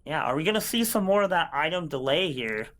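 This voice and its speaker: A man doing live esports play-by-play commentary, mixing punchy, excitable calls with analysis. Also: on the high side, a little fast.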